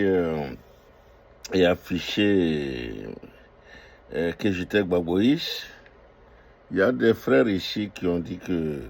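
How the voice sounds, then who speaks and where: An older man who owns restaurants delivers an impassioned political monologue, his voice low and a little mellow. He keeps making emphatic, repeated declarations, broken up by hesitant fillers.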